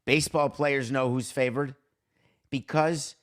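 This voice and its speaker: Hosting his own sports talk podcast alone, this man delivers opinionated takes with emphasis, sarcasm and rhetorical questions. He speaks unhurriedly at a medium pitch, his intonation fairly even.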